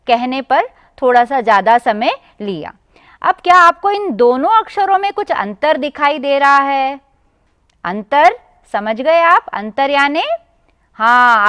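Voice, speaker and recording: Woman teacher, Indian Hindi accent, high clear voice, slow careful speech, dry studio sound. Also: fairly bright tone, no echo. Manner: slow, drawn-out pronunciation, addressing children directly. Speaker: primary school teacher. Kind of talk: televised classroom lesson.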